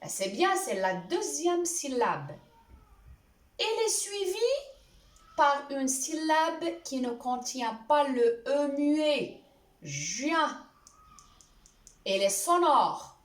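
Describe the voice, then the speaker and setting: A woman teacher giving a spelling lesson, deliberately spelling out letters and examples one by one. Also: high-pitched, sing-song. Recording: echoey room, voice a little far from the mic.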